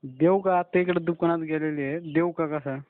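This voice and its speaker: A young man with a slightly high voice grumbles a little as he chats casually with a friend over the phone. He keeps a moderate pace and fairly even intonation, and the recording is dry but narrow and tinny like a phone call.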